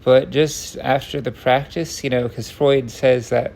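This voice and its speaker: A man's voice: medium pitch, steady tone, measured pace, vocal fry, darkish tone. A man rambling through an unscripted, tangent-prone rant, stopping and restarting himself, with wry self-deprecating humor.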